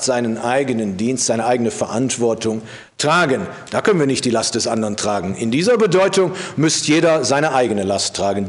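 A man giving a calm, verse-by-verse Bible exposition, with phrases that fall low at their ends. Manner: steady teaching tone, drops low at the end of sentences. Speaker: Bible teacher.

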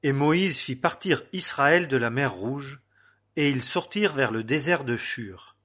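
A man giving a scripted biblical narration, reading in a measured, solemn way with long pauses. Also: mid-range voice, a bit bright, slightly rough. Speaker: scripture reader.

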